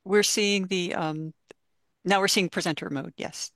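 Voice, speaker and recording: A woman's voice: lowish voice, fairly even intonation, unhurried, fairly bright tone, dry recording. Friendly female moderator with a dry close sound on a video call. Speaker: session moderator. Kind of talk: introducing speakers online.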